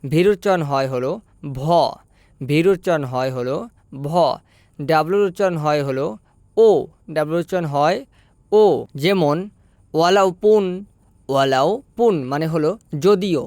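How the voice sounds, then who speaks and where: Male tutor, somewhat high, smooth voice, patient drilling delivery, dry close mic. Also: a little mellow, dry recording. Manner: says each letter and word twice, measured. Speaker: language teacher. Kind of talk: slow repetitive language lesson.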